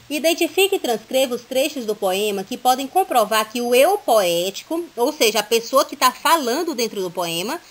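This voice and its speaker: A woman's voice: high voice, fairly bright tone. A woman with a Brazilian Portuguese accent, teaching a recorded lesson, reading exercises aloud and explaining them patiently, often checking in with her students. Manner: reads exercises aloud, then explains slowly.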